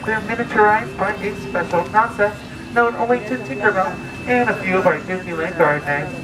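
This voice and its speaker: Aboard an outdoor tour boat, a male ride guide with a high voice tells a scripted story, stretching out important words for theatrical effect. The amateur recording was made from a distance, with loud music and ride sounds in the background.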